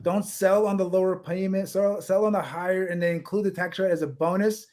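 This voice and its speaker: Man, livestream host, high-pitched, speaks to viewers, casual chat. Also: steady tone, a little fast, a little mellow. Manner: addresses viewers directly, reads comment questions.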